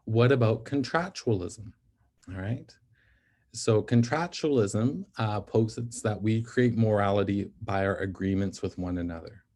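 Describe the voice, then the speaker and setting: A man's voice: lowish voice, measured pace, darkish tone. A man giving an ethics lecture in an explanatory manner, often checking in with the listeners as he works through each idea. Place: NICU physician.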